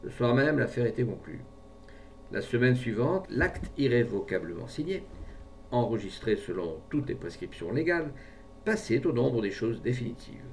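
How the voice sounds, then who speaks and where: A man reading a short story aloud in a theatrical, expressive style. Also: normal speed, recorded from a distance, slight background noise. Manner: theatrical, voices each character with lively pitch.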